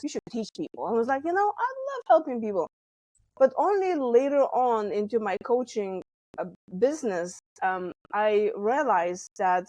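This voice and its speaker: In a fairly high-pitched voice, the guest, a stress management coach from Lithuania in her forties with a Lithuanian accent, narrates her story with energy, laughing and acting out quotes. The recording is dry and rough.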